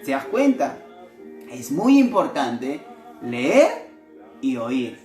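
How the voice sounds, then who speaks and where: A male missionary preacher delivering a devotional sermon in an animated way, often asking his listeners rhetorical questions. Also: medium pitch, very slow. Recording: echoey room with faint music.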